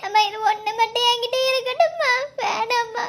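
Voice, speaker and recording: A woman's voice: very high voice, fairly quick, creaky, fairly bright tone, heavily acted. A woman voicing a grieving young pregnant woman in a cartoon drama, tearful and clinging. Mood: insistent.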